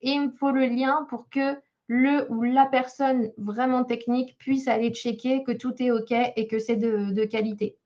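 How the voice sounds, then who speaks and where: A woman's voice: fairly high pitch, fairly even intonation, normal speed, hardly any pauses, a little mellow. A woman job coach giving a webinar talk while reviewing a CV, hesitant, with many fillers and restarts. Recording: slightly dull lo-fi sound.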